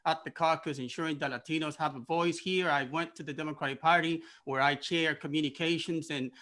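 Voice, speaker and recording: A male candidate speaking earnestly at a political forum, with frequent pauses and fillers. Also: on the high side, fairly even intonation, a bit bright. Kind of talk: forum opening statement.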